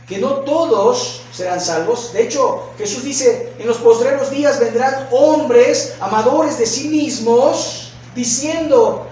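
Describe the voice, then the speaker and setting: A male pastor with a Mexican Spanish accent preaching a sermon, asking rhetorical questions and acting out shouts. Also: very high voice, slight background noise. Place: church sanctuary. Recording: echoey church hall from far off.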